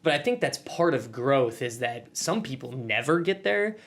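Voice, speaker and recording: Male podcast co-host, thirties, middle pitch, lively storyteller, profane and chatty. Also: moderate pace. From United States. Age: 30s. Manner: animated storyteller, swears freely, mimics people. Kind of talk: casual chat.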